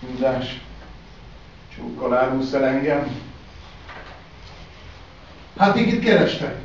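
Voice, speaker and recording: A man reading the part of Jesus in plain, measured verse at a play rehearsal. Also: medium pitch, very animated, creaky, a little hiss or hum. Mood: solemn. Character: Jesus, calm adult man, read in rehearsal. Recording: distant mic in echoey hall, dull.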